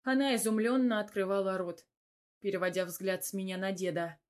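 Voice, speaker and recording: Brief: woman narrator, steady audiobook delivery, middle pitch. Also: fairly quick. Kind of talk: scripted first-person narration.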